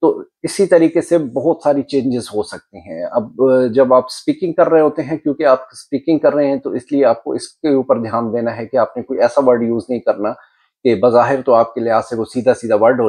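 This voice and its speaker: A man gives an exam lesson in a mellow, husky voice. He explains each point step by step and slows down to model the example sentences. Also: medium pitch. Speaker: exam tutor.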